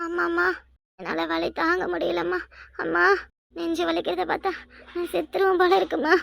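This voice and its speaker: Cartoon: woman voicing a weak young daughter, Kanyakumari Tamil accent, high, gravelly. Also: flat delivery, normal speed, dry recording, full character voice. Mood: pleading. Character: young adult daughter, faint and pleading.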